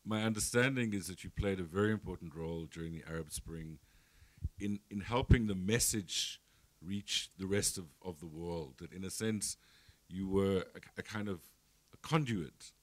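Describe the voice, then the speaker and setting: A man's voice: sits low, normal speed, dry recording. A man moderating a panel discussion, stammering with repeated words as he starts his questions.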